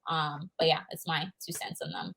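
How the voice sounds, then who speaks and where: Low-voiced woman giving casual opinions. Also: level tone, moderate pace, fairly bright tone, breathy edge, rough recording. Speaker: podcast co-host. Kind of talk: casual chat.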